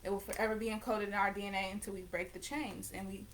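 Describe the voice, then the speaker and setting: This late-teen vlogger and painter talks fast with a flat delivery, her mid-range voice fairly bright, captured on a low-quality recording. At nineteen, she chats casually to her viewers, rambling and self-correcting as she goes.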